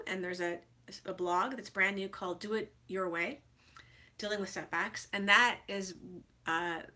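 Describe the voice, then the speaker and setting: Her voice is mid-pitched, pushed and bright. She's an author vlogger in her forties with a head cold, sounding stuffed up as she gives casual writing advice full of fillers and restarts.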